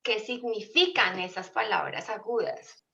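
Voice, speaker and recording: A woman's voice: mid-range voice, a little slow, vocal fry, sharp tone, lo-fi sound. A woman teacher giving an online class, explaining patiently and often asking her students questions.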